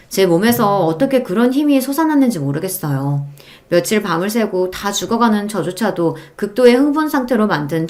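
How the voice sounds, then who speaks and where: A woman's voice: medium pitch, a little mellow. Woman reading a story audiobook, indignant and emphatic, first person. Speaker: audiobook narrator.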